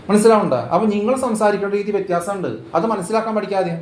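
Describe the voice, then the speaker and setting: A man's voice: high voice, fairly even intonation, rapid-fire. A man talking casually but insistently, lecturing and asking rhetorical questions. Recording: roomy echo with faint ambient noise.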